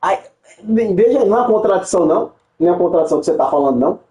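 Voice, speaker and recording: A young male gaming streamer with a high, expressive, warm voice races through livestream banter while playing, teasing, mocking and laughing often. The recording has a roomy echo.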